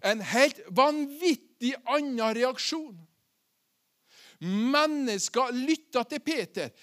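High-voiced male preacher asking questions. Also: animated, fairly bright tone. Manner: asks the listeners questions and acts out the quoted words. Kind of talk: sermon.

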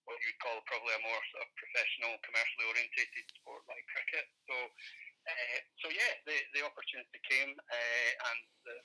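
A man talking as an interview guest over a phone on speakerphone, relaxed and often repeating words as he thinks. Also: medium pitch, rough recording. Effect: heard over a phone on speakerphone. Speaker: interview guest, sports performance head.

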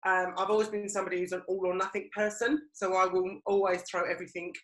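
Her voice is medium in pitch, steady, fast and fairly bright. She's a middle-aged podcast co-host from Romford, Essex, whose Essex English accent colours the personal anecdotes she tells conversationally, all captured in a roomy, echoey recording.

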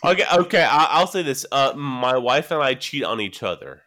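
A man's voice: mid-range voice, expressive, normal speed, bright, forceful tone. Man, late twenties, tipsy, rambling, laughs a lot, casual podcast chat. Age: 20s. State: drunk. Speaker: podcast co-host.

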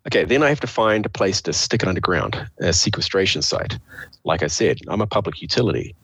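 A man with a croaky, froggy voice, hoarse from a cold, explaining things step by step in a conversational interview. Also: deep voice, lively intonation, a little fast, a bit bright, no room sound. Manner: explains step by step, posing questions to himself. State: hoarse with a cold, clearing throat. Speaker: interview guest, official of a state energy authority.

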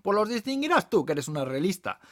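A high-pitched, bossy older lady, as a man puts her on who corrects everyone in a teasing way, with a Peninsular Spanish accent. The voice comes across dry and close. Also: big pitch swings, fast, a bit bright, no echo. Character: nosy know-it-all older woman diner.

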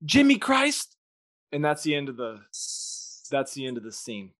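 A man's voice: medium pitch, a little fast, no echo, clean studio sound. Rambling, slangy man telling a story. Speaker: podcast co-host. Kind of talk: casual brainstorming chat.

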